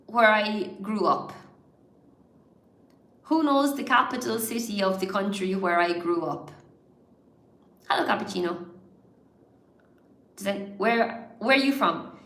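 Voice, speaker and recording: An Irish English teacher with a mild, mostly neutral accent hosts a live word game for viewers, chatty and encouraging, laughing often and greeting people by name. Her mid-range voice is fairly bright, with some vocal fry. The room she's in sounds echoey.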